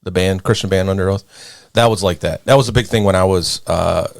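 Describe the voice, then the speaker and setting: A man's voice: low-pitched, brisk, gravelly, no room sound. A man hosting a podcast in a casual, rambling, easygoing chat full of fillers. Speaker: podcast host.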